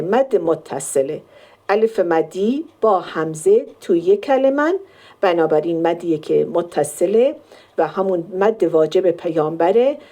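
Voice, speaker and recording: Woman teaching Quran recitation, mellow voice. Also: lowish voice. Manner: explains step by step, stretches sample words slowly. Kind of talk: Quran tajweed lesson.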